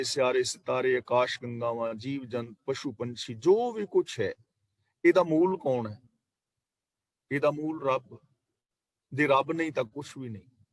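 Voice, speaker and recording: His pitch is medium and the audio has no echo. The man teaches scripture through an online meeting call, going verse by verse with parables and frequent repetition.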